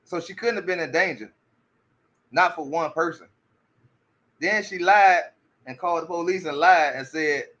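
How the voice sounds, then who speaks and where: The recording is a little muffled and lo-fi, carrying a man's slightly high, bright, forceful voice. As a commentary streamer talking casually, he stumbles through restarts and asks the same rhetorical questions over and over.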